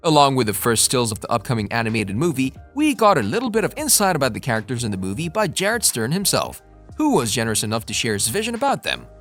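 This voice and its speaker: A man's voice: mid-range voice, wildly swooping pitch, fast talker, a bit bright. A man reading a scripted movie-news narration as the narrator. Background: faint music.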